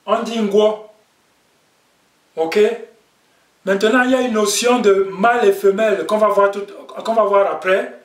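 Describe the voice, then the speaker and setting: A man teaching a language class, patient, repeating each word and checking in with "ok?". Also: high voice. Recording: echoey room, distant mic.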